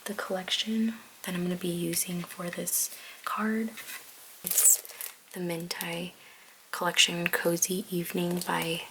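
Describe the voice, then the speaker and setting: Slow whispering woman crafting at home. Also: fairly low pitch, flat delivery, background noise. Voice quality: whispering softly. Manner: slow, hesitant with many ums, thinking aloud. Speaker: card-making crafter. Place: home crafting desk, baby asleep nearby.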